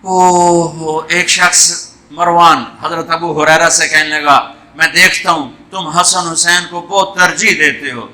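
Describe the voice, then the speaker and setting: A man's voice: on the high side, fairly even intonation, pushed and bright. A man preaching an emotional sermon, telling stories with lamenting cries. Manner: impassioned storytelling, lamenting cries.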